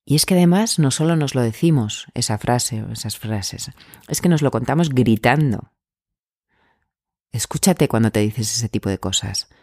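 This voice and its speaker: A man working as an anxiety coach, giving calm self-help advice in a gentle, measured, encouraging way. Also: mid-range voice, dry recording, clean studio sound.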